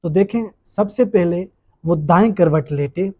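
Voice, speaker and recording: Mellow-voiced religious teacher, man. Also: sits high. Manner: explains patiently, repeats points; frequent hesitation fillers. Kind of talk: lecture on prayer rules.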